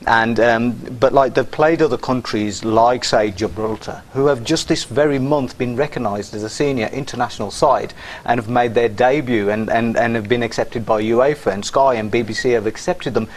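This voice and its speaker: A man's voice: mid-range voice, moderate pace. A man conducting a casual interview, chatty and agreeable. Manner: chatty, agreeable, many short affirmations.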